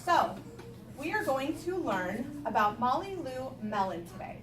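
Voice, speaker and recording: An elementary school teacher reads aloud to young children in a high, sing-song voice at a measured pace, pausing to explain things and ask them questions. Music plays in the background, and the distant mic picks up an echoey, noisy room.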